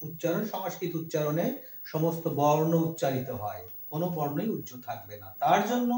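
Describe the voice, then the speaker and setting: A man teaching Sanskrit verse pronunciation, slowly breaking words into letters and chanting the lines. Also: on the high side, a little mellow. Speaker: Gita recitation teacher. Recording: roomy echo, mic far off.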